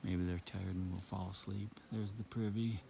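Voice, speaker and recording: A man giving a casual, unscripted hiking update outdoors, rambling along with halting pauses. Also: deep voice, steady tone, dark tone. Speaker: hiker vlogger on a long trail. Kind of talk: casual, unscripted trail vlog. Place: outdoors on a mountain trail. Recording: outdoor ambience with clear background noise.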